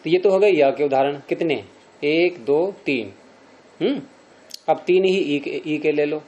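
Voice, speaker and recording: Guy teaching sanskrit grammar, kinda high but mellow voice, keeps asking the class stuff. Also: a little slow, dull audio. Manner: explains step by step, quizzing students.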